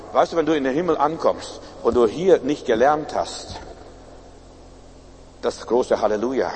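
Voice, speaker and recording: A man preaching a sermon, talking straight to his listeners, often swinging between loud outbursts and hushed asides. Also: mid-range voice, big-room sound, a little hiss or hum. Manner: lively, shifts from loud to hushed; talks straight to listeners with repeated questions.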